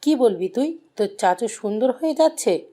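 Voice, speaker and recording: A woman voicing a sharp-tongued aunt in her thirties in an audio story, accusing and nagging. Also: on the high side, animated, unhurried. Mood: scolding. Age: 30s.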